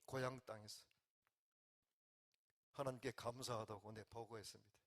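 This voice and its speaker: An older man, a pastor from the region, preaching, swinging between quiet, emotional talk and loud calls to the congregation. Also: mid-range voice, fairly even intonation, normal speed. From Gyeongsang region, Korea. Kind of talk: sermon.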